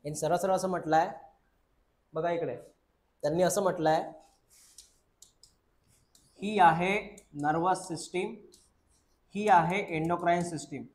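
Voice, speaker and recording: A man's voice: sits high, measured pace, pauses often, roomy sound. A male biology teacher lectures a class, drilling students with repeated questions and calling them "beta".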